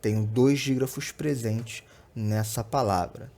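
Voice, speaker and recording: A young adult man with a Brazilian Portuguese accent who teaches an online lesson over slides and explains patiently, often checking in with quick tags like "tá?" and "né?". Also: medium pitch, fairly even intonation, warm tone.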